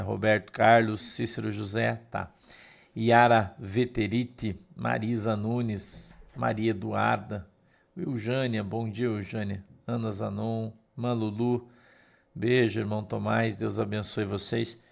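A man's voice: lowish voice, vocal fry. A man with a Brazilian Portuguese accent who leads a morning livestream devotional as pastor, greeting viewers by name and reading scripture aloud. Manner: reads scripture aloud in a steady cadence.

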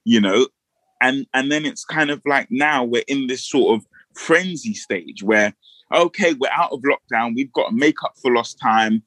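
A man speaking as a guest on a discussion panel. He talks earnestly but haltingly, leaning on fillers as he gathers his thoughts. The sound is dry and close, at a middle pitch. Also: a bit bright, no echo, rough recording. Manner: hesitant, many fillers, earnest. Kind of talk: casual panel chat.

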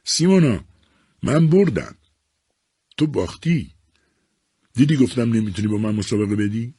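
A man's voice: lowish voice, wildly swooping pitch, a little mellow, breathy edge, no room sound, studio quality, voice pushed up, heavily acted. A man voicing a boastful young male coworker in a read-aloud story.

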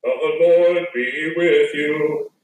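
A man, a priest, chanting the liturgy in slow sung phrases, with a cathedral echo around his voice. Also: fairly high pitch, steady tone, a little hiss or hum. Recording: roomy church echo from far off.

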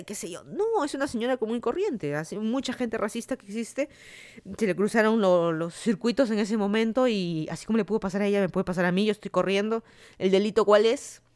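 A man's voice: sits high, clean tone. A man talks through the week's news as a podcast host. His delivery is casual and musing. He thinks aloud and often breaks off to restart a sentence. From Peru. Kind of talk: casual news commentary monologue.

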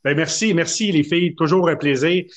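Chatty Québécois man, fairly high voice. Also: a little fast. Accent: Québécois French. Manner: chatty, self-mocking, storytelling. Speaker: podcast co-host. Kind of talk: casual chat.

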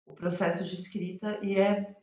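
A playwright appearing as a podcast guest speaks in a mellow, mid-range voice with little pitch movement and a normal pace, carrying a Brazilian Portuguese accent. She reflects aloud during the interview, restating her phrases as she thinks, and the recording sounds roomy and echoey.

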